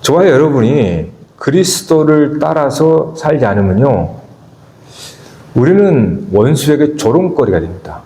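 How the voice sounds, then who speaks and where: A man preaching a sermon as pastor of a church, asking the congregation questions and swinging between emphatic peaks and low, quiet stretches. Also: very animated, a little slow. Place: church sanctuary. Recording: echoey church hall with long reverb.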